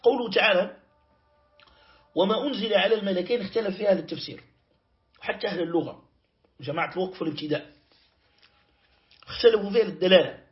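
A man teaching a Quran commentary lesson, reciting verses slowly and checking that his students follow. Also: sits high, dull audio. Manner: explains slowly, quotes verses and checks with "clear?". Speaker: Islamic teacher. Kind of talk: tafsir lesson.

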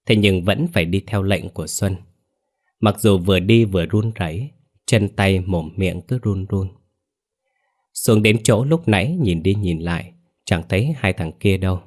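Man, low voice, scripted ghost story narration, dramatic storyteller.

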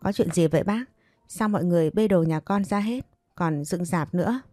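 A woman's voice: lowish voice, moderate pace, darkish tone, no echo, clean studio sound, close to an everyday voice. A woman voicing a grief-stricken young woman. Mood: anxious. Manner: pleading and crying out in grief. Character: grief-stricken young woman who lost her father.

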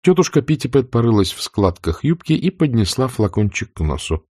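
A man reading a novel aloud as an audiobook narrator, with measured, expressive delivery. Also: medium pitch, no room sound, clean studio sound.

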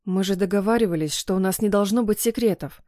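A woman's voice: mid-range voice, quick pace, warm tone, no echo, close to an everyday voice. Stubborn young bride-to-be voiced by the woman reader, pushy and reproachful, dry close sound. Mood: pleading. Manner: reproachful and pressing. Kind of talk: audiobook romance reading.

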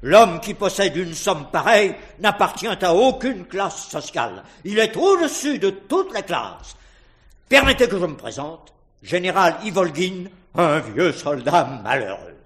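An actor playing a pompous, bewildered old army general with a fussy manner, in a 1960s radio drama. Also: male voice, high voice, sing-song, measured pace, fairly bright tone, full character voice. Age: older.

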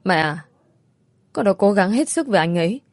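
A woman's voice: medium pitch, expressive, normal speed, no room sound, lightly acted. A woman voicing a whiny, pleading young mistress.

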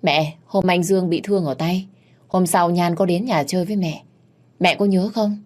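A woman reading a story aloud, voicing a sharp-tongued young daughter who talks in an indignant, pressing way. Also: on the low side, steady tone, normal speed, close to an everyday voice. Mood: insistent.

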